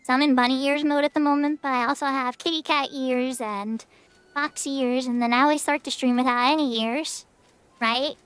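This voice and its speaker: A woman's voice: high-pitched, steady tone, moderate pace, a bit bright, clear, resonant tone. A woman livestreamer chatting casually while gaming, in a cute anime-girl manner.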